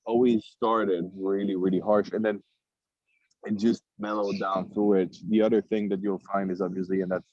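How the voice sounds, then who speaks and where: Man with a Swiss French accent, very low voice, dry, dull audio, thoughtful, stumbling over words. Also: level tone, normal speed, darkish tone, dry recording. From Switzerland. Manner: thoughtful, repeats words as he searches for them. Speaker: guest, cigar company founder. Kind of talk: casual podcast interview.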